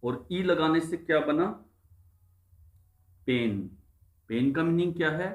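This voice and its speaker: Speaking briskly in a fairly high voice, a man teaches English pronunciation in Hindi, spelling words out one letter at a time and then giving their meaning. The recording is reverberant.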